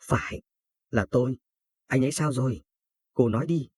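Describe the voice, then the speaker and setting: A man's voice: mid-range voice, a little mellow, husky, no echo, studio quality, close to an everyday voice. A man voicing an anguished mother of thirty-five. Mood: desperate. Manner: hurried, urgent commands.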